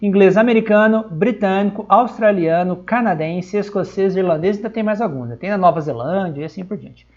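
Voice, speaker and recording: A man's voice: sits high, fairly quick, hardly any pauses, lo-fi sound. Chatty São man teaching online. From São Paulo, Brazil. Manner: chatty, checks in constantly with tag questions. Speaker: English teacher. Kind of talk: live-streamed online lesson.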